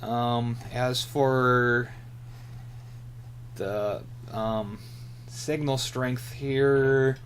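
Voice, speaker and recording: Speaking extremely slowly with many pauses, this radio hobbyist has a mid-range voice and fairly even intonation. His improvised antenna demo is halting, full of muttered thinking aloud, over a clear hum and noise.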